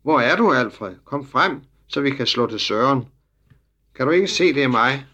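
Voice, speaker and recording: A man's voice: medium pitch, animated, fairly bright tone, lo-fi sound. Man doing a cheeky little farm boy. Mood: indignant. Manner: eager, raised and brisk.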